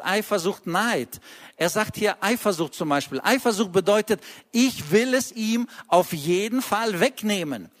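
A man preaching a sermon in an earnest, admonishing way, stressing short blunt phrases. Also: sits high. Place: church service.

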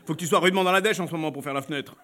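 A man's voice: a little high, rapid-fire, pushed and bright, a little hiss or hum. A man reading aloud, voicing a coarse, overconfident stranger with slangy, mocking talk. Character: brash, overfamiliar man, coarse and sure of himself. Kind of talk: audiobook reading.

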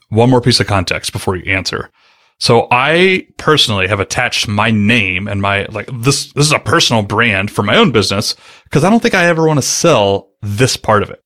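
A man's voice: medium pitch, sharp tone. A man hosting a casual podcast interview, chatty and joking as he asks his questions. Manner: joking, chatty, fast-talking. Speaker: podcast host.

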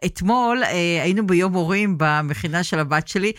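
A woman's voice: fairly low pitch, no room sound, clean studio sound. A middle-aged woman co-hosting a casual podcast chat, telling stories with lots of laughter. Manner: animated storyteller, laughs often. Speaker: podcast co-host.

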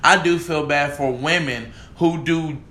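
A man's voice: on the high side, unhurried, bright, forceful tone. A man in casual podcast chat, telling stories in an emphatic, rambling way. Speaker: podcast co-host. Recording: echoey room.

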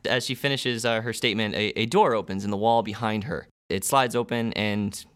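A man narrating a tabletop game as game master, unhurried and descriptive. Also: fairly low pitch, fairly even intonation, fairly bright tone, clear, resonant tone.

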